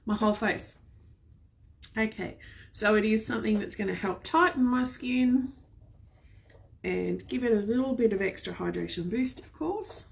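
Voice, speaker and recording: Gravelly-voiced woman gushing over skincare. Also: fairly high pitch. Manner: chatty, gushing, addresses viewers fondly. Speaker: skincare product seller. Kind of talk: live skincare demonstration. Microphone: camera set at a distance.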